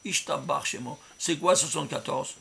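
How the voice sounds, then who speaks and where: A rabbi with a gravelly, somewhat high voice talks at a moderate pace through a Torah commentary involving number interpretation, with a little hiss or hum in the recording. Emphatic, he stresses words loudly and keeps asking rhetorical questions.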